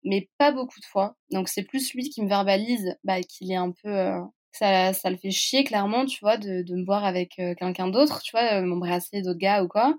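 A woman's voice: medium pitch, moderate pace. Chatty young Frenchwoman telling her story. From France. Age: young adult. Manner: chatty, peppers speech with "tu vois" and fillers. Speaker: podcast guest. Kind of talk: casual personal storytelling.

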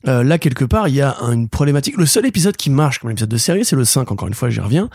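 A man's voice: mid-range voice, very animated, rapid-fire, gravelly, darkish tone, husky, dry recording, studio quality. A man co-hosting a casual critical chat, opinionated and heated. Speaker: podcast co-host.

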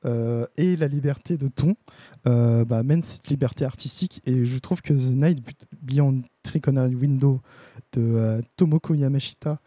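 A man talks through a casual stream review, pausing on fillers and restarting his sentences. His voice is very dark and mellow, at a middling pitch. The sound is dry and close. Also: no room sound. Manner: hesitant, many fillers and restarts. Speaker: host of a comics review stream.

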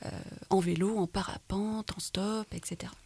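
A woman's voice: medium pitch, steady tone, moderate pace, a little mellow, husky. A woman with an English accent, a guest on a radio show, explaining her project with frequent hesitations. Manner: hesitant, frequent filler sounds. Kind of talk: radio interview. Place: radio studio.

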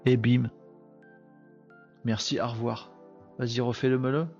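A male host of a live tech show, talking in a chatty, excitable way and punctuating with quick exclamations. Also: mid-range voice, highs cut off, soft background music. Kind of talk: casual live commentary.

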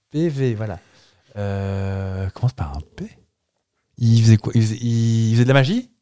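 A man's voice: on the low side, a little slow, dark tone, clear, resonant tone, no echo. A man co-hosting a podcast, chatting casually and making jokey wild guesses. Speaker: podcast co-host. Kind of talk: casual banter.

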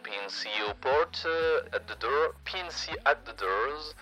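A man putting on a hesitant airline captain making cabin announcements in halting English with a French accent, full of "uh". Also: medium pitch, animated, bright, forceful tone, soft background music, poor audio. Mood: mock-formal. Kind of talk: mock pilot announcement on a live stream.

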